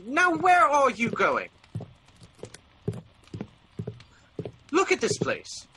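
An actor playing a fussy, exasperated but good-natured gentleman doctor in a radio drama, with a declamatory, animated manner. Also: very high-pitched, unhurried, a little hiss or hum, heavily acted, low-quality recording.

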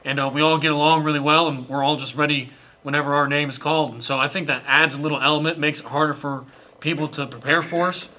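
Earnest young man, bright voice. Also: a little high, fairly even intonation, fast. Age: young adult. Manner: earnest, grateful, many restarts. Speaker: college quarterback. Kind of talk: post-game press interview. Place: indoor press room before sponsor backdrop.

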